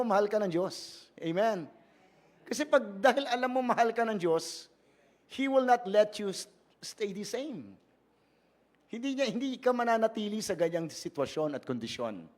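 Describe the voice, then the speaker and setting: A man's voice: high voice, animated, a little slow. A man with a Filipino accent, a pastor giving a playful, conversational sermon and often checking in with the congregation. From Philippines. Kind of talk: conversational sermon mixing Tagalog and English.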